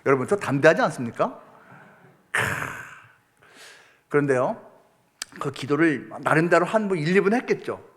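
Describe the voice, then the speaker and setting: A middle-aged man preaching a sermon, telling a story with lively acted-out quotes. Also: a little high, a little fast. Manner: animated storytelling, acting out prayers and quotes. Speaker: pastor.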